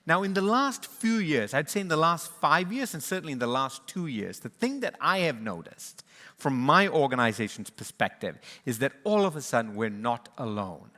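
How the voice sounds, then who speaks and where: Delivering closing remarks at a livestreamed panel, a conservation charity leader born in Sri Lanka and raised in East and West Africa moderates with a fairly high, very animated voice at a moderate pace. The tone is bright and forceful under long hall reverb, and he's earnest and reflective, full of restarts and fillers.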